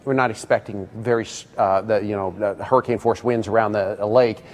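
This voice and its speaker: American TV meteorologist, halting live delivery. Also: male voice, lowish voice, fairly even intonation. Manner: hesitant, halting phrasing with many pauses. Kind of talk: live ad-libbed weather commentary.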